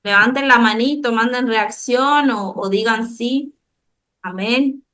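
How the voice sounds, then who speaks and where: Woman with a Dominican accent teaching a Bible class over a video call, bright and crisp, explaining step by step. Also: a little high. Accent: Dominican Spanish. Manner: slow, explanatory, with frequent restarts and questions to the class. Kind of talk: online bible class lecture.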